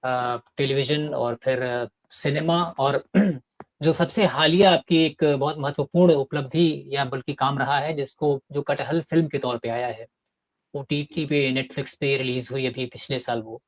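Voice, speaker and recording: A man poses a long, carefully framed question to the guest. He speaks in a measured way at an ordinary pitch, with small hesitations along the way. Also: steady tone. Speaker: interviewer. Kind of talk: formal interview question.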